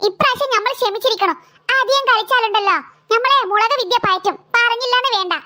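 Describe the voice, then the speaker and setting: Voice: very high voice, fast, pushed and bright, exaggerated voice. A bragging cartoon schoolboy. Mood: boastful. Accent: Malabar Malayalam. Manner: teasing, bragging, mock-threatening. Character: cheeky quarrelsome schoolboy with thick glasses. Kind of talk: animated cartoon voice acting.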